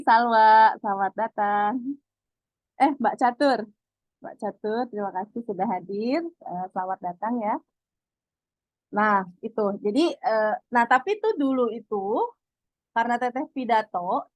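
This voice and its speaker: A young woman teaching an online English class in a relaxed, chatty way, dropping English phrases into her speech. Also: on the high side, a little slow, long pauses, no room sound, low-quality recording. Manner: chatty, mixes in English phrases, refers to herself as Teteh. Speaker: English tutor.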